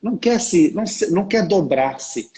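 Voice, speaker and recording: Earnest Brazilian man with a high voice. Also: lively intonation, moderate pace, dark tone, rough recording. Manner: earnest storytelling, often asks "né?". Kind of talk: preaching on a livestream. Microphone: livestream setup.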